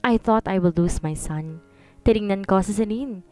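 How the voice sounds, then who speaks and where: A woman's voice: medium pitch, moderate pace, dark tone, no echo, faint music behind. Woman narrating a dramatic story. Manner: dramatic first-person telling, mixing Tagalog and English.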